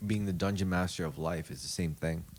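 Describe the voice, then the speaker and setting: A man's voice: low-pitched, steady tone, fairly quick, background noise. A man in his thirties co-hosting a podcast, rambling and joking in casual chat. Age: 30s. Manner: rambling, joking, repeats himself. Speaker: podcast co-host.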